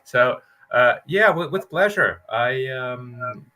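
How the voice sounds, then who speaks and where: A man's voice: mid-range voice, lively intonation, slow, sharp tone, rough recording. A man from Lithuania, a brewery founder, chatting casually and telling his story with self-mocking jokes over a call mic. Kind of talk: casual chat.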